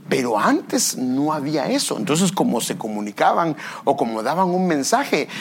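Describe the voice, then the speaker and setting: Male pastor teaching a sermon, gravelly and husky, pitch leaping around, stumbles and restarts. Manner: lively, with many restarts and repeated phrases; explains step by step, often saying "fíjese".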